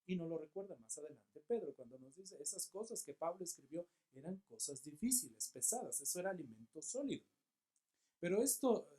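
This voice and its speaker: A man with a Mexican accent preaching a sermon as pastor, asking questions and answering them himself, with emphatic repetition that swings between loud and soft. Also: fairly high pitch. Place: church.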